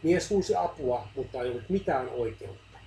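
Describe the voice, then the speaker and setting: A man's voice: mid-range voice, animated, warm tone, a little hiss or hum, rough recording. Earnest male reader of a devotional book. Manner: earnest and measured.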